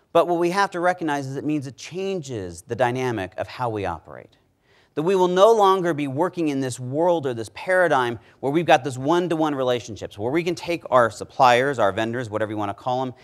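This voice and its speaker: On a large stage, a middle-aged man delivers a conference keynote emphatically through a lapel mic, dropping his voice low on key words.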